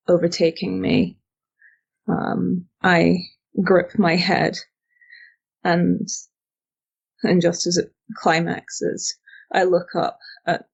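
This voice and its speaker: A woman's voice: fairly low pitch, creaky, breathy edge, dull audio. A woman playing a tabletop game, describing her character's actions and laughing off her dice rolls.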